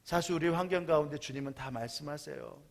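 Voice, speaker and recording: A male pastor delivers a Sunday sermon in a church sanctuary. His voice sits fairly high for a man, and he preaches in a relaxed, conversational, storytelling manner. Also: quick pace.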